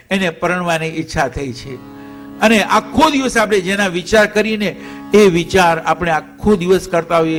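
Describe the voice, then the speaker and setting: A man giving a devotional storytelling sermon, lively and conversational, with humorous asides. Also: sits high.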